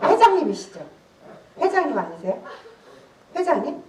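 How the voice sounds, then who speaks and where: A woman in her sixties giving a laughter therapy lecture, animated, breaking into loud laughs and shouts as she leads the group. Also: high-pitched, moderate pace. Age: 60s. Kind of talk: workshop lecture with call-and-response. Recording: roomy hall, voice from a distance.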